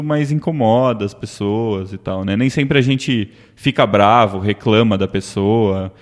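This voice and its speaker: A man with a Brazilian accent co-hosting a podcast, talking in a conversational way and often ending his phrases with a tag question. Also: mid-range voice. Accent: Brazilian Portuguese. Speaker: podcast co-host. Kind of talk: casual discussion. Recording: long reverb.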